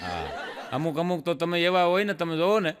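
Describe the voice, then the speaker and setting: A man's voice: on the high side, lively intonation, fairly quick, long reverb tail, background noise. A middle-aged man telling jokes on stage as a chatty storyteller who stretches out his punchlines. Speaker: stand-up joke teller. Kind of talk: live stage joke telling.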